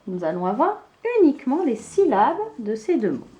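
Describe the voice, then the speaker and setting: A woman's voice: a little high, big pitch swings, a little mellow. A woman teacher giving a spelling lesson to young children, spelling words out letter by letter. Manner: slow, clearly spelled out letter by letter.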